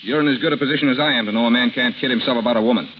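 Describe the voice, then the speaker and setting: In an old 1930s radio drama with music behind it, a man plays a determined, earnest lover confronting his rival, speaking insistently and forthrightly. His medium-pitched, natural voice is rapid-fire and a bit bright, and the poor audio carries a little hiss or hum.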